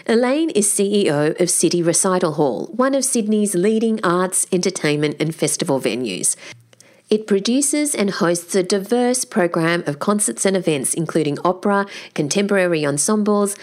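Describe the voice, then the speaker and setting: A woman hosting a podcast, reading a scripted introduction, then asking questions with an emphatic, lively manner. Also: on the low side, normal speed. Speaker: podcast host.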